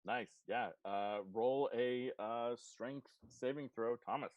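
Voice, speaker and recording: A game master narrating a tabletop game in a relaxed, halting way with lots of fillers. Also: medium pitch, dry recording.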